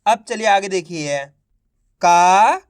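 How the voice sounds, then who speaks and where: A man teaching children to read, sounding out each syllable and then stretching the whole word slowly, with a coaxing teacher's tone. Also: sits high. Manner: coaxing teacher tone addressing viewers as friends. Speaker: Hindi reading teacher. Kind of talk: slow drawn-out reading lesson.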